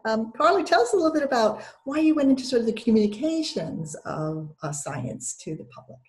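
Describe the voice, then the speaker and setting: A woman's voice: on the high side, sing-song, a little fast. Woman moderator asking long questions. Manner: conversational, asks long questions. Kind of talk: video call panel moderating. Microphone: video call.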